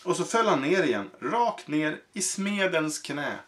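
A man reading a children's book aloud in a halting way, with fillers and self-corrections. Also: a little high, sing-song, fairly bright tone. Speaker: reader.

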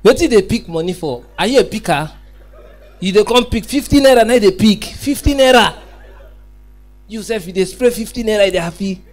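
A young Nigerian man with a Nigerian accent doing stand-up comedy on a theatre stage, teasing the audience loudly through a handheld mic. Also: high voice, lively intonation, a little fast. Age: young adult. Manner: loud, teasing banter with the crowd. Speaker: stand-up comedian hosting his own show. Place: large indoor theatre stage with live band. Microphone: handheld microphone. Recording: live stage with loud crowd and music. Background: music and crowd.

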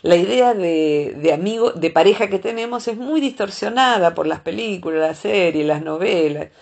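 A woman with a Rioplatense Spanish accent, a psychologist explaining relationships in a thoughtful way, pausing often to gather her thoughts. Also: lowish voice, creaky, darkish tone. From Argentina. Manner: thoughtful, explaining with frequent hesitations.

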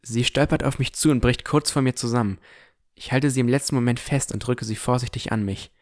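Over background music, an actor with a medium-pitched voice gives a lightly acted narration of a fantasy audio drama. His character, a young armored swordsman, sounds puzzled yet resolute, and the delivery is measured and introspective.

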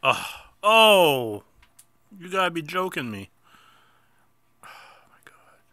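A man's voice: on the high side, big pitch swings, slow, bright, forceful tone, no room sound, studio quality. Stuffy-nosed man playing a phone game. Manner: chatty, self-mocking, sudden outbursts at misses. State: stuffy nose. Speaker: gameplay video host. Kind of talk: casual mobile game commentary.

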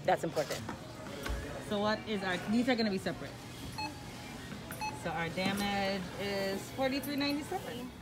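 Vlogging into a phone held out at arm's length, this Crucian woman in her thirties from St. Croix talks casually at normal speed in a medium-pitched voice, taking long pauses. Loud music plays over the noisy handheld recording.

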